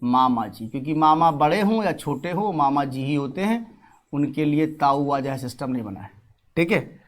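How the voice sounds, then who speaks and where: A man's voice: on the high side, expressive, moderate pace. A man teaching an exam-prep class, repeating key terms and answering his own questions. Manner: talks while writing on a board. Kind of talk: online exam-prep lesson.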